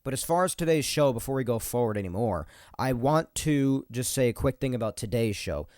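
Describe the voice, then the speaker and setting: Animated and fairly quick, the medium-pitched, darkish voice of a young New York podcast host comes through a podcast microphone in a dry, clean studio recording. In his casual solo monologue he's slightly nasal and congested from a cold, drifting off topic, repeating himself, and laughing between points.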